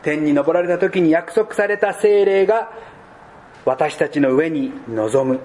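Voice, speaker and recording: A man preaching a sermon as pastor, speaking deliberately and dropping to soft, low tones at key points.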